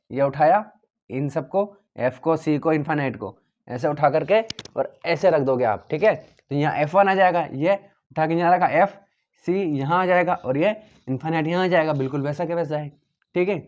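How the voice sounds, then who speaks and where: A man's voice: on the high side, lo-fi sound. A man teaching a physics lesson, explaining step by step at a board and checking often that his students follow. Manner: steady and repetitive, checking understanding often.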